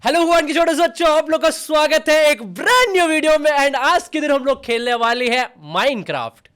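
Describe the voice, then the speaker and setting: A man doing his shouted gaming-channel intro. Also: lively intonation, normal speed. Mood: hyped. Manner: shouted, high-energy catchphrase delivery. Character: loud hyped male gaming-channel host greeting viewers. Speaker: gaming YouTuber.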